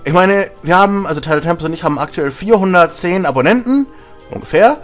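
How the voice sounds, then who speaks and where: A man with a fairly high voice, slightly hoarse from an inflamed throat, chats through a gaming video blog. His delivery is informal, blunt and a little rambling, with music playing faintly behind him. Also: animated, quick pace. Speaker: gaming channel host. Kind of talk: casual spoken video blog.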